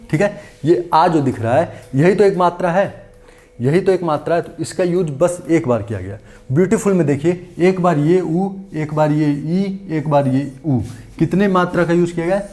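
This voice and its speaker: A man's voice: on the high side, mellow. A male teacher giving an exam-prep English grammar lesson, repeating points and asking and answering his own questions. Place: classroom-style video lesson.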